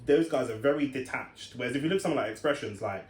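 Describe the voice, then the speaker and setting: A man's voice: medium pitch, racing. A young man, co-hosting a podcast in casual chat, emphatic and repeating words as he starts a point. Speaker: podcast co-host. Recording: roomy with faint noise.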